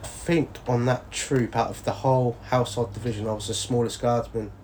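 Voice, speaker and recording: A man's voice: mid-range voice, fairly even intonation, brisk, a little mellow, slight background noise. Chatty man telling war stories. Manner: chatty, laughs often, acts out quoted voices. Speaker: guest, former soldier. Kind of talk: casual interview storytelling.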